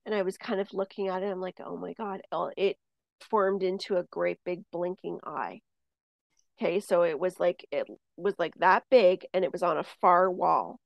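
Lower-pitched woman, gravelly, rambly medium chat with lots of ums, dry close sound. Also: normal speed, dry recording, dull audio. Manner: rambling with many fillers and restarts, lively when telling stories. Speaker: medium, podcast co-host. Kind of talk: casual spiritual chat, relaying messages.

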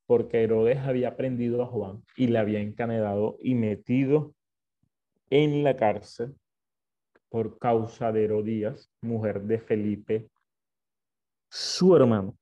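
A man teaching a Bible lesson, explaining slowly and often repeating and correcting himself. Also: medium pitch, fairly even intonation, muffled recording.

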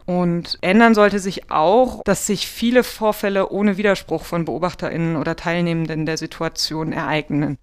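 A podcast host, talking in a measured, explanatory way. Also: mid-range voice, steady tone, clean tone. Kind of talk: podcast interview and scripted segment.

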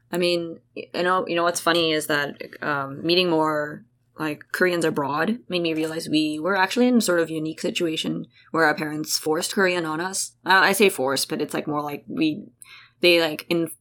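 In a relaxed conversation between sisters, a young woman from South Africa acts as guest host, chatting in a rambling way full of "like" and restarts. She has a deep voice that's a bit bright.

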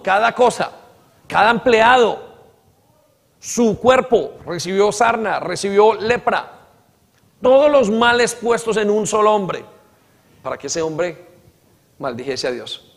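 High-voiced preaching man in echoing hall. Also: lively intonation, takes it slowly, vocal fry, pauses often. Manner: calls on the congregation to repeat after him; acts out quoted dialogue with emphasis. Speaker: pastor. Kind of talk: sermon. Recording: reverberant hall.

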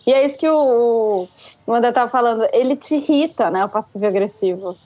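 Woman, Brazilian accent, high-pitched, loud and expressive, casual podcast chat. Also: a little fast, husky, dry recording. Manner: expressive, loud-spoken storyteller.

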